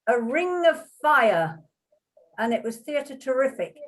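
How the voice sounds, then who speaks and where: A woman's voice: high-pitched, sing-song, slow pace, low-quality recording. A woman on a video call, a former artistic director, describes an item enthusiastically with laughing asides. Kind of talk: casual show-and-tell.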